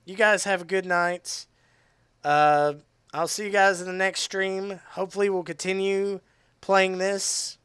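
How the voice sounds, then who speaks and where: A man chatting casually on a game live stream, rambling with restarts and fillers, his voice tiring and going hoarse. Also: high voice, little pitch movement, measured pace, a bit bright, dry recording. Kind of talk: casual live-stream chat while gaming.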